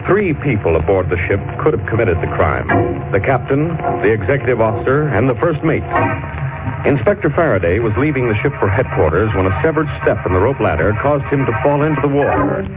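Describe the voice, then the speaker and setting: A man narrating as the announcer of a 1940s radio drama, measured and formal, heard through an old radio broadcast sound. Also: medium pitch, sing-song. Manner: measured, formal storyteller recap. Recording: tinny lo-fi old radio recording with loud music behind.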